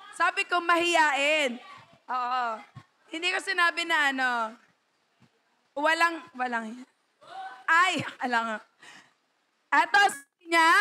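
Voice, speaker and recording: A woman's voice: very high-pitched, slight background noise. A woman with a Filipino accent preaching a sermon in church, calling out to the congregation and acting out quoted prayers. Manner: animated preaching, calls to the congregation, acts out quoted pleas.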